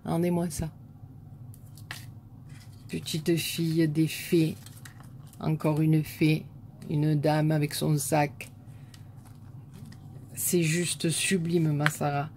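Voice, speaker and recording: A woman with a southern French accent, a scrapbooking vlogger softly admiring crafts one by one in a casual show-and-tell chat. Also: sits low, level tone, takes it slowly, pauses often, a little hiss or hum.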